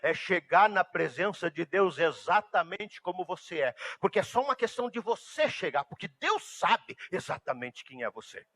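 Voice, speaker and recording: A male pastor preaching a sermon, emphatic and swinging from hushed, slow passages to loud, high-pitched outbursts. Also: very animated.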